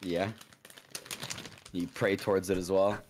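A man's voice: low voice, level tone, unhurried, darkish tone, slight background noise. A man on a voice call during a gaming stream, joking in a dry, sarcastic, crude way. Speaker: gaming guest. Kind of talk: casual chat on a voice call. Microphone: microphone on a voice call.

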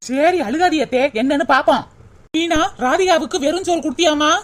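A woman voicing a brisk, capable young daughter-in-law in a cartoon, quick and scolding. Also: high-pitched, close to an everyday voice. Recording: loud constant noise with clicks.

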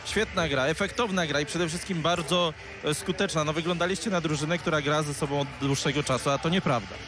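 Upbeat sports reporter, slightly high voice. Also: male voice, fairly quick, background noise. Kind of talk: post-match interview. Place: courtside interview wall in an arena. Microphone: handheld mic.

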